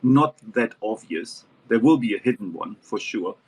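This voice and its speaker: Low-voiced halting man from New Zealand. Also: lively intonation, darkish tone. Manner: halting, many fillers and restarts. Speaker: panelist. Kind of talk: casual discussion.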